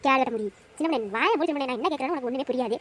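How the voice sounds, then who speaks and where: A woman's voice: high-pitched, rapid-fire, a bit bright. A woman doing a nosy, scolding aunt. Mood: suspicious scolding. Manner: suspicious, interrogating. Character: nosy scolding middle-aged village aunt.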